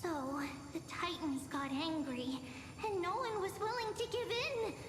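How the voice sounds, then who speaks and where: A woman voicing a tiny, chirpy and bossy bath sprite who tells a story as a history class, in a sped-up squeaky chipmunk voice with a sing-song delivery. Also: unhurried. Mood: storytelling. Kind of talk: video game cutscene voice acting. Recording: echoey room with loud music.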